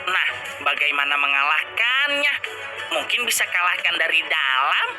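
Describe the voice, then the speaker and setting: A woman voicing a determined young adventurer in an animated game story, giving earnest instructions and exclamations. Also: on the low side, moderate pace. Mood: resolute. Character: determined young adventurer leading a quest in a block world. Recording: loud music under the voice.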